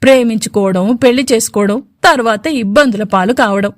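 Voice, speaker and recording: A woman voicing a sharp-tongued scheming mother. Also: a little high, brisk, dry recording, studio quality, lightly acted. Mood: sarcastic.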